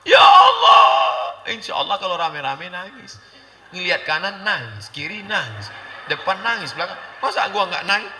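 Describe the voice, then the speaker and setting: A man preaching a humorous sermon, joking and acting out congregants' questions in high voices. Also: expressive, moderate pace, sharp tone, reverberant, in a large hall, slight background noise, rough recording.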